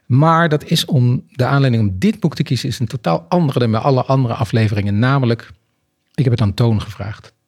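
A man hosting a podcast book discussion, speaking thoughtfully with hesitant pauses. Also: mid-range voice. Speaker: podcast host. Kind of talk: literary discussion.

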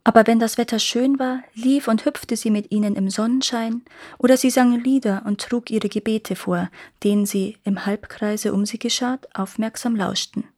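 A woman's voice: on the high side, moderate pace, no echo, studio quality. Woman reading a fairy tale aloud. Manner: calm, even narration. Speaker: storyteller.

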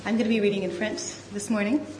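A woman's voice: mid-range voice, steady tone, fast talker. A woman with a Quebec accent reading scripture aloud as a Bible reader. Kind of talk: scripture reading and short personal remark. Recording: faint room noise.

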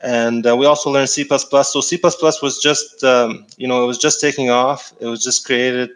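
A middle-aged man from Egypt, a guest in a casual interview, talking in a relaxed way with many fillers and restarts. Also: mid-range voice, normal speed, rough recording.

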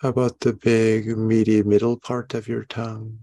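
A man leading a guided meditation, giving gentle, unhurried instructions and soft questions. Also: on the low side, little pitch movement. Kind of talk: guided meditation, body scan.

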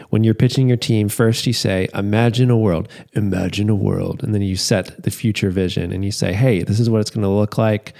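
A man's voice: on the low side, vocal fry, dark tone. A man co-hosting a podcast who listens attentively and reads out his takeaways in an affirming way. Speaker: podcast co-host. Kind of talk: casual interview talk.

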